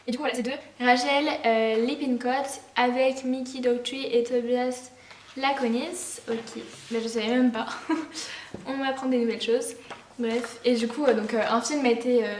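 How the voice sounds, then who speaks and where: A woman's voice: a little high, recorded from a distance, slight background noise. Bubbly teenage girl vlogging in an echoey room. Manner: bubbly, rambling, many fillers and restarts. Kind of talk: casual gift haul vlog.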